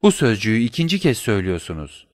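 A man's voice: lowish voice, very animated, fast, dry recording, clean studio sound. A man voicing a terrified young woman in an audiobook, stammering and pleading in fear. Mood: frightened pleading. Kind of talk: audiobook reading.

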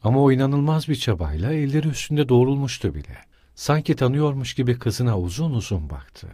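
Man reading a novel aloud, husky dark voice, slow and dramatic, dry sound. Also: medium pitch, big pitch swings, no echo. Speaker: audiobook narrator. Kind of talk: scripted narration.

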